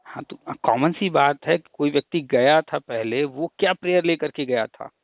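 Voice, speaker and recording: A man's voice: on the high side, moderate pace, gravelly, no room sound. A man explaining a topic at length in a casual phone conversation, lecturing patiently with rhetorical questions and examples. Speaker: teacher hosting a call-in discussion. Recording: tinny phone line.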